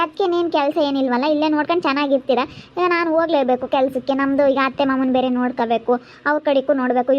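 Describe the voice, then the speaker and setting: A woman's voice: sits high, a little mellow, lightly acted. Lady acting as a bossy quarrelling sister, rural karnataka accent, muffled lo-fi sound. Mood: scolding. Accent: rural central Karnataka Kannada. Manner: scolding, argumentative. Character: sharp-tongued sister quarrelling over parents' care. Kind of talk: amateur family drama acting. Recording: muffled lo-fi recording.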